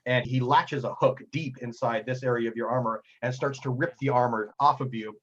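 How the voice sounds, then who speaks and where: Husky excitable male game master. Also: medium pitch, brisk, lo-fi sound. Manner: animated, excitable, with frequent ums and uhs. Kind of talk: narrating a tabletop game.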